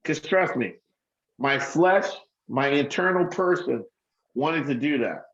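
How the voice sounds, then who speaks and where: A man's voice: a little high, animated, slow, fairly bright tone, muffled recording. A man telling a personal story in an earnest way, as a speaker on an online call. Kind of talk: storytelling talk.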